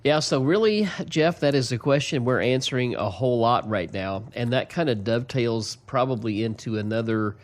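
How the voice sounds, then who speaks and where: A man's voice: mid-range voice, animated, normal speed, hardly any pauses. A man working as a financial advisor, explaining money matters in a folksy, step-by-step way and chuckling now and then. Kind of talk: casual explanatory radio talk.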